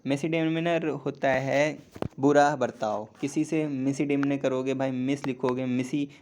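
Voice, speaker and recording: Young male tutor, mid-pitched voice, patient and repetitive delivery, faint hiss in the background. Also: flat delivery, a little mellow. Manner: explains slowly, repeats words, asks and answers himself, "ठीक है" after each point. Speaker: English teacher on a channel. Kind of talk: casual classroom lesson.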